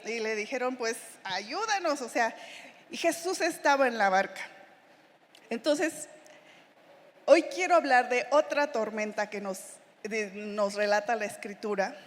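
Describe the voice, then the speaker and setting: A woman missionary with a Mexican accent giving a conversational sermon, often checking in with her listeners through quick tag questions. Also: a little high. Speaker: missionary preacher. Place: church hall. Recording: long reverb of a church hall.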